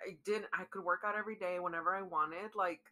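A young woman co-hosting a casual chat, animated, getting worked up and restarting her thoughts. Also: fairly low pitch, quick pace, poor audio. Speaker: podcast co-host.

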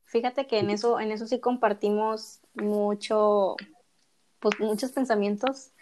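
A woman's voice: mid-range voice, fairly even intonation, a little slow, darkish tone, slight background noise. A young woman with a Mexican accent, a university student talking casually, full of slang, fillers and restarts. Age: young adult. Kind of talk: casual chat.

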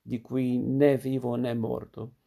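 A man reading the lines of a cruel brother who menaces slowly. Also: medium pitch, flat delivery, creaky, dark tone. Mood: menacing. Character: cruel brother threatening slow murder.

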